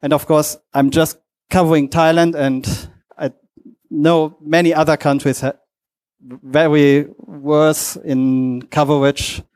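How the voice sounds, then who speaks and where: A man who is not a native English speaker gives a lightning talk presentation in a halting, hesitant way, in short fragments. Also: a little high, flat delivery, darkish tone. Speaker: conference speaker.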